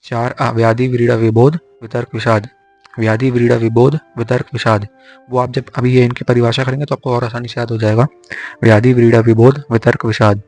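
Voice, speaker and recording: A young man teaches exam mnemonics, drilling syllables slowly and over again. His voice stays flat and even, at a middle pitch. Faint music sits behind him. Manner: slow repetitive drilling of syllables. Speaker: exam tutor. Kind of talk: explaining Hindi poetics mnemonics.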